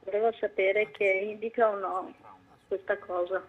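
A woman calling in to a health show over the phone, asking a question in halting, hesitant speech. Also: medium pitch, level tone, breathy edge. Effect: phone line. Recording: tinny phone-line audio.

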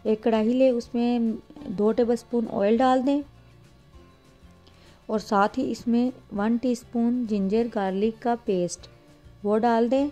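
Soft-toned woman narrating a cooking tutorial. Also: fairly high pitch, fairly even intonation, takes it slowly, faint music behind. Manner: plain step-by-step instruction with restarts. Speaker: cooking channel host.

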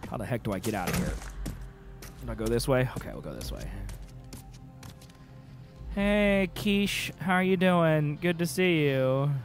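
Game music sits behind a man in his thirties chatting casually on a close microphone. His voice is fairly high and very animated as he comments on his play. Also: measured pace, long pauses. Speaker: game streamer. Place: small room indoors. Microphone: close microphone on a stand.

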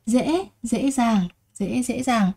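A woman's voice: a little high, takes it slowly, creaky, mellow, slightly rough. A woman teaching a vocabulary lesson, repeating each word and asking her students rhetorical questions. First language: Vietnamese. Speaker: Korean language teacher.

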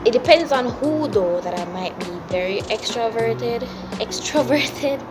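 Filmed on a phone at arm's length indoors against a plain wall, a young Jamaican-accented woman answers viewer questions in a blunt, chatty Q&A, slipping into patois. Her voice sits on the high side, expressive and measured, over music.

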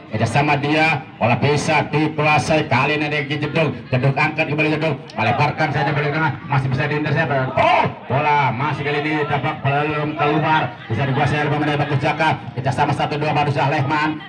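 A man giving live play-by-play football commentary, often repeating players' names. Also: on the high side. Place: outdoor village football ground. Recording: echoey PA, distant, crowd noise. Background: crowd.

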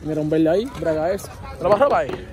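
A man's voice: a little high, very fast. A young man, vlogging and teasing friends in slangy, joking banter outdoors, filmed on a handheld phone. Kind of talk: casual street vlog banter. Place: outdoors at a school field day on a city street. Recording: crowded outdoor street noise. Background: crowd chatter and passing traffic.

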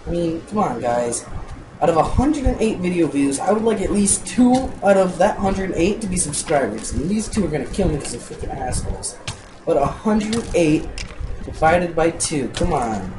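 A man's voice: on the high side, very animated, normal speed. Grumbling, swearing young male gamer. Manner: annoyed, grumbling, swearing, rambling. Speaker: gameplay narrator. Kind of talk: casual let's-play narration. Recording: noisy recording.

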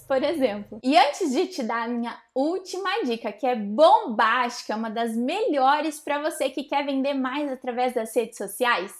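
A young woman with a high voice gives upbeat marketing tips, speaking directly to the viewer. She sits on a sofa in her living room, filmed by a fixed camera. Her delivery is friendly and direct, like a coach cheering on small business owners. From Brazil. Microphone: fixed camera, medium framing.

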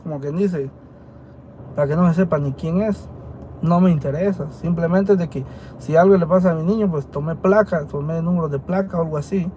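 A Guatemalan man with a high voice talks to camera in a casual way, earnest and on the defensive. He often stops to rephrase, and he sits in a dental clinic with faint noise behind him. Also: fairly quick, mellow. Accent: Guatemalan Spanish. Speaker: vlogger telling his side. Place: dental clinic waiting area.

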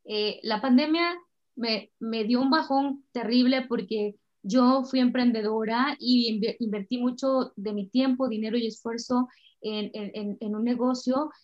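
A middle-aged Mexican woman, a singer, chatting warmly and emotionally in an interview. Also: a little high, fairly even intonation, measured pace. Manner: warm, chatty, emotional storytelling. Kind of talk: casual interview chat. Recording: slightly dull lo-fi sound.

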